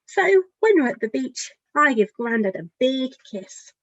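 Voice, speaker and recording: Reading a picture book to small children, this author speaks in a fairly high, expressive voice and talks straight to her audience like at storytime. Her delivery is unhurried. The recording is dry, somewhat dull, and has no echo.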